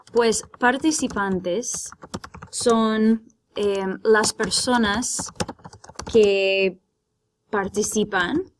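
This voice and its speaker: A woman teaching Spanish vocabulary, patiently explaining words in Spanish and English. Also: medium pitch. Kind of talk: vocabulary lesson, bilingual.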